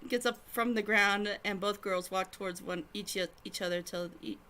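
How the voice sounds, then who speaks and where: A woman's voice: medium pitch, fairly even intonation, normal speed, sharp tone. Giggly woman reading a story aloud. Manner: giggly, breaks off to laugh. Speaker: streamer reading fan fiction. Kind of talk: reading fan fiction aloud to friends.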